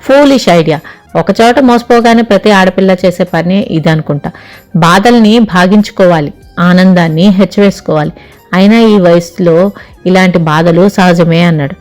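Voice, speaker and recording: A woman's voice: on the low side, normal speed, a little mellow, faint music behind. A woman narrating an audio story in the first person, reading steadily and reflectively.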